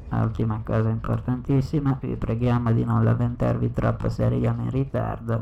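A man's voice: medium pitch, gravelly, warm tone, lo-fi sound, slight background noise. A man voicing a rude male train station announcer over a station PA system, mock-polite and then crude. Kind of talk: comedy sketch.

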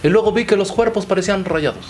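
A man's voice: high voice, fast, faint music behind. A man with a Mexican accent hosting a comedy show, joking crudely with lots of slang. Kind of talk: loud comedic banter.

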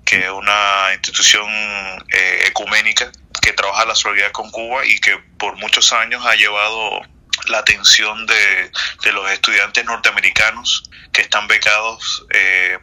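A man from the Dominican Republic speaks as an interview guest, earnest and full of small fillers. His voice is strikingly bright, sitting a little low. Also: little pitch movement, normal speed, rough recording. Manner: earnest, with frequent "eh" and "o sea" fillers. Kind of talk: interview conversation.

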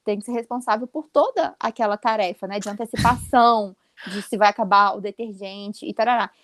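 Woman, Brazilian accent, 30s, very fast talker, emphatic, dry close sound. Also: mid-range voice, dry recording. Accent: Brazilian Portuguese. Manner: animated, quick, emphatic storytelling. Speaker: podcast co-host. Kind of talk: casual chat.

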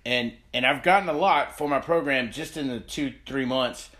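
A man hosting a podcast, chatting in a relaxed, agreeable way with a few stammered restarts. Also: mid-range voice, moderate pace. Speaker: podcast host. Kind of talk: casual conversation.

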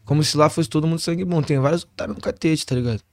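A man's voice: on the high side, rapid-fire, a little mellow. A man with a Rio de Janeiro accent chatting casually as an interview guest in street slang peppered with tag phrases. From Rio de Janeiro, Brazil. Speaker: interview guest, hip hop musician.

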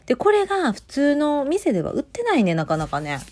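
A woman's voice: high voice, huge pitch swings, brisk, darkish tone. A woman with a Kansai accent hosting her own audio show, chatting casually in a rambling way with many fillers and asides. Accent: Kansai Japanese. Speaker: podcast host. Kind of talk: casual solo chat.

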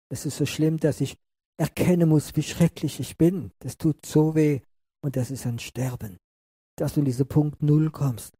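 A man's voice: medium pitch, warm tone, husky, no echo. A male pastor giving an earnest, impassioned sermon that often turns to address the listeners directly.

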